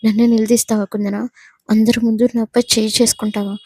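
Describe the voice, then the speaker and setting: A woman's voice: fairly high pitch, level tone, fast talker, mellow, husky, no echo, clean studio sound. A woman voicing an arrogant young male college rowdy who is possessive and furious, snarling through gritted teeth in a Telugu audio story.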